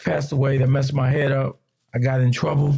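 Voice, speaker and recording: Raised in New York, this man appears as a podcast guest, spinning stories in casual chat. His voice is a little fast, gravelly and slightly rough, and he's a relaxed storyteller who acts out quotes in a higher voice.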